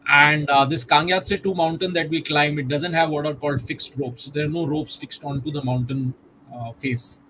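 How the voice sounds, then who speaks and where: A middle-aged man with a somewhat raised voice talks things through in a reflective, measured way over a video call. He often drops in "you know" as he goes, and a faint hiss runs underneath. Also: a little high, steady tone, sharp tone, poor audio. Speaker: guest. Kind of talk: conversational interview.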